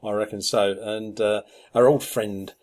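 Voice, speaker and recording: A man's voice: on the low side, steady tone, a little slow, a little mellow. A man co-hosting a podcast, chatting casually with plenty of ums and restarts. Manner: rambling, lots of ums and restarts. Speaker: podcast co-host. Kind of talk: casual chat.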